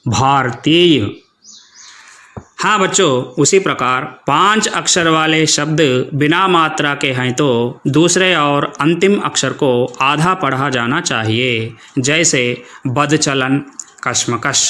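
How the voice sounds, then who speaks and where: A man's voice: on the high side, slow pace, pushed and bright. A man teaching children Hindi pronunciation, patiently reading out word lists one by one.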